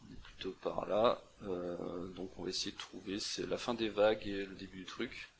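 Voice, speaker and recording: Low gravelly-voiced young man thinking aloud. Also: fairly even intonation, normal speed, slight background noise. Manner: thinking aloud with many fillers and restarts. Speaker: CTF walkthrough presenter. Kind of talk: casual screen-recorded walkthrough.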